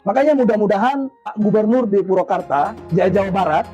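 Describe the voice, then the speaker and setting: A man gives casual commentary in a quick, very high but mellow voice. He stammers and restarts as he goes, ending points with an offhand tag. Faint music plays behind. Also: husky, dull audio.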